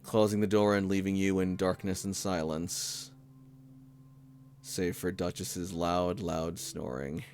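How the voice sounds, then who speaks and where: A man narrating a tabletop role-playing game as game master, measured, with pauses mid-sentence. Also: low voice, level tone, noisy background.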